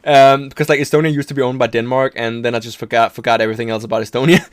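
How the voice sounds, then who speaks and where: Male streamer, casual profane reaction rant, middle pitch, dry close recording. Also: flat delivery, rapid-fire, no room sound. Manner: rambling, profane, restarts often, laughs at himself.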